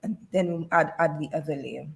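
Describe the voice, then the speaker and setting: A woman's voice: deep voice, brisk, gravelly. A woman teaches in a casual, playful way, teasing and supportive. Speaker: language teacher.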